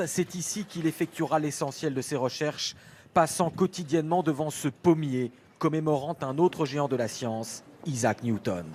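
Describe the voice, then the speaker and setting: A male reporter reading scripted news voice-over narration in a measured delivery. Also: a little high, slight background noise.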